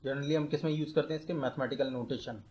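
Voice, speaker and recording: A young man, a tutor, teaching computer science step by step, mixing English terms into his talk and slowing down to dictate definitions. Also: medium pitch, steady tone, a little mellow, low-quality recording. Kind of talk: explaining a lecture.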